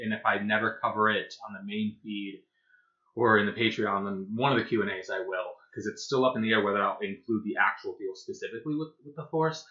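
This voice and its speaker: A man's voice: fairly low pitch, a bit bright, dull audio. A man who hosts and voices a podcast, answering questions in a rambling, filler-heavy casual way. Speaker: podcast creator and voice actor. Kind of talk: casual panel chat.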